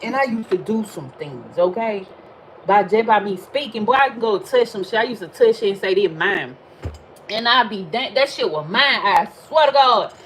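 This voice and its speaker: A woman, chatting casually while reading tarot cards, animated and swearing freely. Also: medium pitch, normal speed, a little hiss or hum, rough recording. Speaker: tarot reader. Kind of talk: casual livestream chat.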